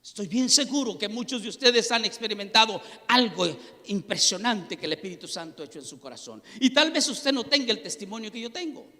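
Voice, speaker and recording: Pastor, male, high bright voice, fervent testimony sermon, long hall reverb. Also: lively intonation, brisk, hardly any pauses. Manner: impassioned, rising to near-shouts at peaks.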